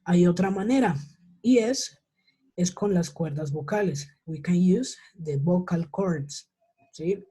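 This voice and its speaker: A woman teaches slowly and patiently over a video call, often pausing to check her students follow. Her voice sits low and mellow, with a husky edge. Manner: patient, checks understanding with repeated questions. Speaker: English teacher. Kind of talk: online class lesson.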